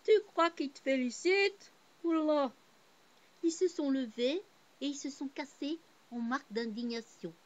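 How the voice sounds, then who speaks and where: A woman with a high voice speaks a little slowly, captured in dull audio. She was born in Portugal to a Cape Verdean family, and her casual monologue is rambling and heartfelt, full of fillers and restarts, by turns subdued and animated.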